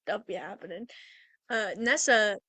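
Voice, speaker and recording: A young woman co-hosting a podcast, chatting casually and rambling through a movie plot, acting out characters in quick quotes. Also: mid-range voice, bright, forceful tone, no room sound. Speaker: podcast co-host. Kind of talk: casual movie review chat.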